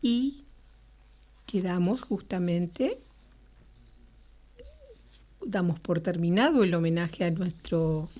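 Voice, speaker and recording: Woman, radio host, lowish pitch, measured read-aloud, occasional fillers. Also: dark tone. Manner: measured literary reading with occasional hesitant fillers. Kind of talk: reading a novel aloud, then commentary. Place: radio studio.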